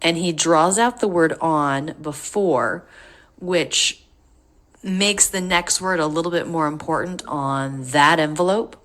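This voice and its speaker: Low-voiced woman teaching pronunciation. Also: a bit bright. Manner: slow, careful repeating of words. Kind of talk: English pronunciation lesson.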